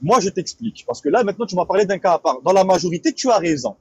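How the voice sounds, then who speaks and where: Fast, husky, high-voiced man for a heated live-chat debater who repeats and interrupts. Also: lively intonation, no echo, lo-fi sound. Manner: insistent, interrupts, repeats himself. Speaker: debate participant.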